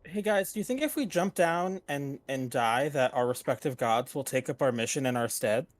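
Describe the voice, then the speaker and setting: A woman's voice: extremely low pitch, animated, moderate pace, no room sound. A woman playing a tabletop game, joking playfully. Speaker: player.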